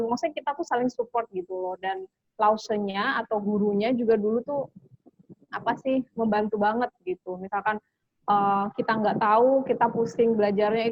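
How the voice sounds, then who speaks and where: A young woman from Indonesia telling her story as an interview guest, chatty, with lots of fillers and English phrases mixed in. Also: a little high. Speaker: interview guest, scholarship graduate. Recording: dull lo-fi dry recording.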